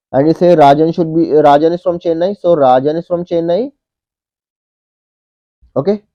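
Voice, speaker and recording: Male tutor, 30s, slightly high voice, methodical step-by-step walkthrough, dull lo-fi webcam audio. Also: mellow. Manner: methodical, repeats each step and says "okay" often. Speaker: online tutor. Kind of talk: whiteboard puzzle walkthrough.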